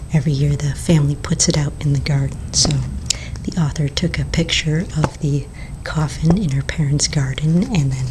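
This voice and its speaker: A woman in a whispered role-play as a librarian at story hour, speaking in a soft, breathy library whisper and gently reading and explaining a picture book. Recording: low rumbling background noise.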